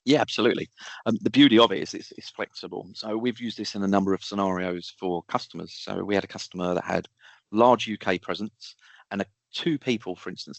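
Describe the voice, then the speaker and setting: A man with a low-pitched voice and vocal fry gives an informal expert explanation in a technical webinar, answering audience questions. He goes step by step using practical examples, and the audio has no echo.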